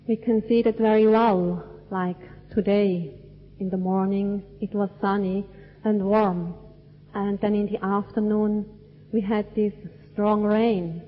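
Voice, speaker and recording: Slow, measured woman teaching in a reverberant hall. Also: mid-range voice. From Switzerland. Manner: slow, measured, deliberate phrasing. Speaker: Buddhist teacher. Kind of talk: dharma talk. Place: cinema hall. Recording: dull lo-fi recording with long hall reverb.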